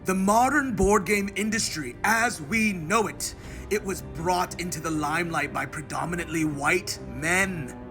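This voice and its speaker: A man's voice: high-pitched, measured pace. A man giving a hammy, theatrical dramatic reading as an angry, aggrieved male board game hobbyist ranting online. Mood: aggrieved, indignant. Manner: reads punctuation marks aloud. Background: music.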